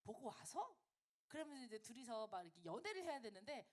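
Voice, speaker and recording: A woman's voice: fairly high pitch, sing-song, a little fast. A woman preaching a sermon to a college group in a conversational style, asking her listeners many rhetorical questions.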